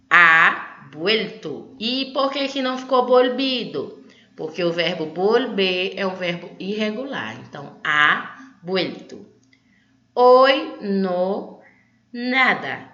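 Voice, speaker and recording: A Brazilian woman teaching Spanish gives an online grammar lesson, explaining things didactically and often checking that students follow with short tag questions. Her mid-range voice is bright and forceful, very animated and very slow. The room sounds echoey and the audio a bit dull.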